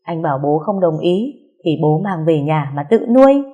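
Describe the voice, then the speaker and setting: A calm young man speaks earnestly and respectfully, steady and low, as a woman narrator voices him. He sounds composed even under pressure. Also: moderate pace.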